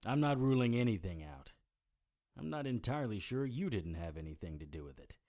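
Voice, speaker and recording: An actor playing a wry, deadpan supernatural private eye who narrates his own audio drama in a hardboiled style. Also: medium pitch, brisk. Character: dry-witted male private investigator narrator. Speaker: narrator and lead character.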